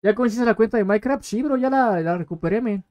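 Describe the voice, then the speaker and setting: A man's voice: high-pitched, fast, a little mellow. A man chatting casually on a game live stream, rambling in slang and repeating words as he plays. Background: game music.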